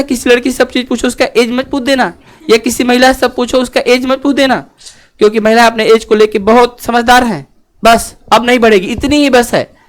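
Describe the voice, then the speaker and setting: A man teaching a class, who keeps asking the students whether they have understood and moves between joking asides and earnest advice. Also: extremely high pitch. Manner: keeps checking students understood with quick questions; joking and lively, then earnest and preachy. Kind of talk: classroom lecture.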